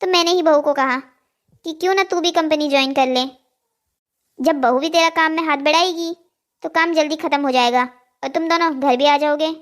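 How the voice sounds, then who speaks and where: A shrewd older mother-in-law from a cartoon family drama, voiced by a woman. She talks in a very high, soothing voice that hides a teasing bite. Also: fairly even intonation, moderate pace, a bit bright. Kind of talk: Hindi cartoon voice acting.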